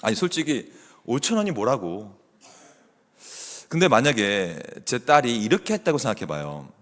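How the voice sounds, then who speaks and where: A middle-aged man, a theology professor, preaching a sermon as a guest with animated storytelling, chatting with the congregation. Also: medium pitch, normal speed. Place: church sanctuary. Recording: long church hall reverb.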